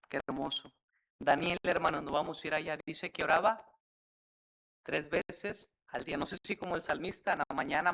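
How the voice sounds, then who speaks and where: A man preaching a sermon, calling the congregation brothers and building to loud, fervent exhortation. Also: sits high, gravelly, poor audio. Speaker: pastor.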